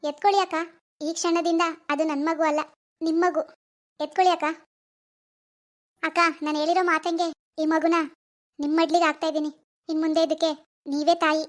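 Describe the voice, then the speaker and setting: Woman doing squeaky cartoon mother Pooja. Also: little pitch movement, moderate pace, long pauses. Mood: reassuring. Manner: soft, reassuring, insistent. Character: young village mother, gentle and self-giving. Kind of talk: animated cartoon dialogue.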